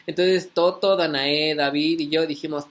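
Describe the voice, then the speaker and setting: A man's voice: a little high, steady tone, moderate pace. A young man with a Mexican accent casually telling a story as a vlogger, rambling with many fillers and asides.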